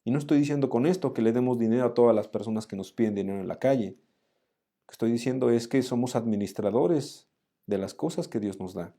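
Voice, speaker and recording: A man leading a Bible study in an earnest, direct way, talking to the listener as "you". His voice is mellow and warm, sitting at an ordinary middle pitch. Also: brisk. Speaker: Bible teacher.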